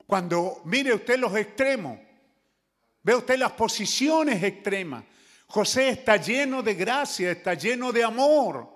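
A man's voice: high-pitched, animated, slow, a bit bright, in a large hall. A man preaching a dramatic sermon, calling out to the congregation in the pews. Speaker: pastor. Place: church.

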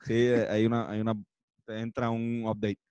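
This podcast co-host, a twentysomething man with a Puerto Rican Spanish accent, keeps the casual chat full of jokes, slang and impressions of other voices. He speaks at normal speed in a monotone, medium-pitched voice that's slightly mellow, clear and resonant, with no echo.

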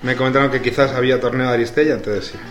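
A man's voice: medium pitch, steady tone, rapid-fire, roomy sound, music in the background. A man with a Spanish accent, a podcast guest chatting in an easygoing, agreeable way. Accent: Spain Spanish. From Spain. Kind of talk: casual chat.

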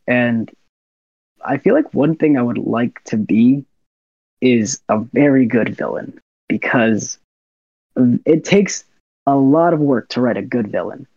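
A young man, a university student, chatting as an interview guest, soft-spoken and quick to laugh as he acts out little scenes. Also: mid-range voice, dry recording, muffled recording. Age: young adult. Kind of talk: casual interview chat.

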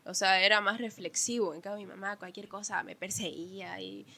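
A woman, a podcast guest chatting casually and telling animated stories about her family. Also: medium pitch, a little fast, vocal fry. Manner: animated storyteller who acts out family members' voices. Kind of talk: casual conversation.

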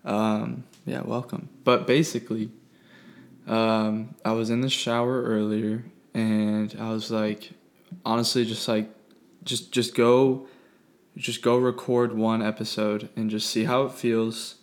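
A young man hosting a casual solo podcast from his bedroom, rambling and self-deprecating in a monotone voice with many fillers. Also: lowish voice, slow pace. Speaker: podcast host. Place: bedroom at home.

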